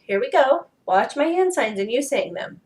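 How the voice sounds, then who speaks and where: A woman's voice: a little high, big pitch swings, normal speed, a little mellow, echoey room, recorded from a distance. A woman teaching a children's music lesson, explaining patiently step by step.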